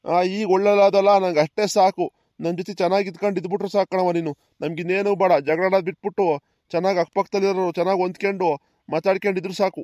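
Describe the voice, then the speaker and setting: Man doing a gentle old village grandpa. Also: high voice, fast talker, no echo, natural voice. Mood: consoling. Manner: calm, consoling. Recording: dull lo-fi sound.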